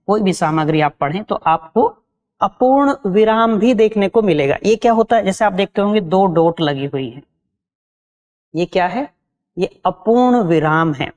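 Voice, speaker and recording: A woman's voice: mid-range voice, a little mellow. A woman teaching an exam-prep lesson. She repeats key terms and asks her students rhetorical questions.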